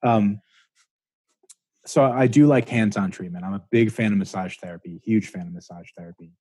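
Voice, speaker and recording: A man's voice: fairly low pitch, normal speed, mellow, husky, dry recording. A man, a chiropractor guest on an interview podcast, explaining ideas at length in a thoughtful, hedging way. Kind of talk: casual interview talk.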